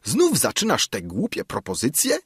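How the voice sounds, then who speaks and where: A man's voice: medium pitch, huge pitch swings, measured pace, a bit bright, slightly rough, no room sound, clean studio sound, voice pushed up, exaggerated voice. A man voicing a pompous old councillor who is easily frightened and bursts into indignant exclamations. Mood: alarmed, indignant.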